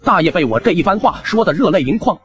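A man's voice: high-pitched, sing-song, fast talker, fairly bright tone, dull audio, soft background music. A young man narrating his own comic cartoon story in a chatty, wry way.

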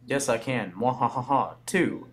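A man playing a malicious, taunting computer with slow, theatrical villain menace in an amateur comedy film. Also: medium pitch, animated, a crowd in the background, lightly acted. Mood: gloating menace. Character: malicious male talking computer, smug and taunting.

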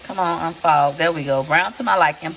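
Stirring a pot in her home kitchen, a woman films a casual cooking video, talking to viewers in a chatty, folksy way as Peach Patch. Her voice is low, brisk and gravelly with a fairly bright tone, over slight background noise.

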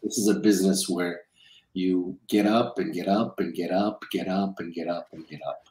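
A middle-aged man from Romania speaks over a webcam from a home office, his voice sitting low. The room is echoey around him. He rambles and circles back on his words while he thinks. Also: steady tone, moderate pace, darkish tone. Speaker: guest, film financier. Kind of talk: casual interview. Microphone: video call webcam.

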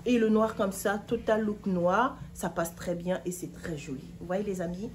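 A woman's voice: medium pitch, moderate pace. A woman in her thirties, a fashion vlogger seated on a couch in her living room, giving a chatty, opinionated outfit review straight to her viewers. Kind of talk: casual outfit review to camera.

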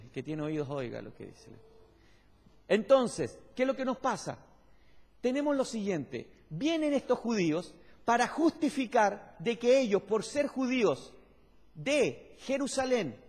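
A man with a high, slightly mellow voice preaches from the pulpit on stage in a big church hall. He teaches emphatically, explaining points and asking the congregation questions. Long reverb fills the echoey hall.

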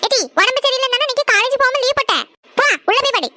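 A woman voicing a scolding village mother of two daughters, loud. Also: very high-pitched, fast, slight background noise. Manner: loud, scolding, rural Tamil speech.

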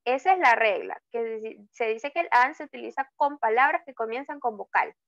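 A woman tutors English grammar in an online class over a video call, slowly drawing out example words and frequently checking in with "¿ok?". Her voice is a little high, animated, creaky, and fairly bright, with lo-fi sound and no room sound.

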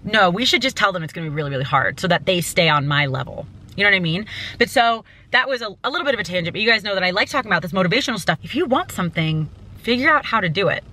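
A young woman in her twenties giving an animated motivational talk to camera from inside a parked car. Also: medium pitch, rapid-fire. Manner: animated, gestures a lot, mimics doubting voices. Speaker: travel vlogger. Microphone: small camera's built-in mic at arm's length.

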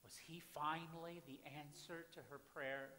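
A pastor, preaching a dramatic sermon that swings from hushed to loud, recorded from the back of a church. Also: male voice, fairly high pitch, fairly even intonation, normal speed. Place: church sanctuary with congregation. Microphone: far camera at back of church. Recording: reverberant church from far off.

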